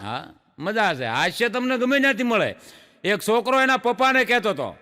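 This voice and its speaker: A man's voice: sits high, big pitch swings, moderate pace, big-room sound, background noise. A middle-aged man telling jokes on stage as a chatty storyteller who stretches out his punchlines. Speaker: stand-up joke teller. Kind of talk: live stage joke telling.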